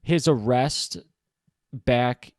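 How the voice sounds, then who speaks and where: A man's voice: medium pitch, drawn-out words, a little mellow, no room sound, studio quality. Casual man musing on a book. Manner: thinking aloud, many "like" fillers. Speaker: podcast host discussing a novel. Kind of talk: casual solo book discussion.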